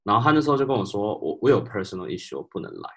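A man co-hosting a podcast, telling work stories in a casual chat. He is animated, laughs often and drops English words into his speech. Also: lowish voice, very fast, vocal fry. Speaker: podcast co-host.

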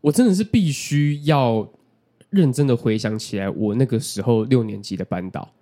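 A man's voice: medium pitch, normal speed. A man, co-hosting a casual podcast chat and telling stories with playful quips. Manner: animated storytelling with playful quips. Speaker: podcast co-host.

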